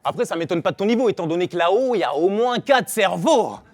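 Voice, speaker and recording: High-voiced mocking battle rapper man. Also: animated, fast talker, darkish tone. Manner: mocking, joke-driven rhymed delivery. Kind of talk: live battle rap performance.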